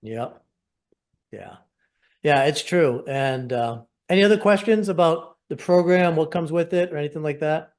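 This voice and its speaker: A man's voice: a little high, moderate pace, a little mellow. A man hosting a casual sales webinar over a video call, talking in an upbeat, persuasive and rambling way. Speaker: program host.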